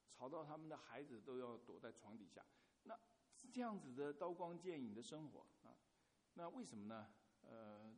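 A man's voice: mid-range voice, a little mellow, in a large hall. A man preaching a sermon, telling a story and putting questions straight to his congregation. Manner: asks the congregation questions directly.

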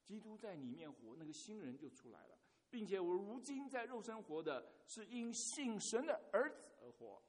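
A man's voice: high-pitched, sing-song, moderate pace, hardly any pauses, big-room sound. A man preaching a sermon, telling a story and putting questions straight to his congregation. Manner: asks the congregation questions directly.

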